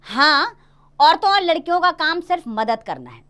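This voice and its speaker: A stern, scolding village father with a cough and a sharp, bright edge to his voice, put on by a woman reading a class play aloud. He is insistent and loud, with a lively, high-pitched delivery. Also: normal speed, exaggerated voice.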